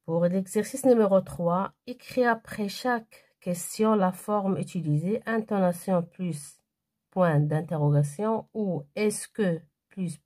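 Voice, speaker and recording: A woman giving a primary school grammar lesson, reading exercises aloud and answering them one by one in a deliberate way. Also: mid-range voice, dark tone.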